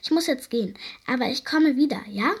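A woman reading aloud, voicing a kind, eager little girl with a breathy, earnest voice. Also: sits high, lively intonation, a little fast, pitched above the performer's own voice, full character voice. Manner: bright, earnest. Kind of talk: storybook reading.

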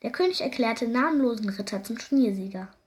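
A woman reads a children's fairy tale aloud, lively and expressive. Her voice sits fairly high. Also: fast. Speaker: storyteller. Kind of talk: children's story reading.

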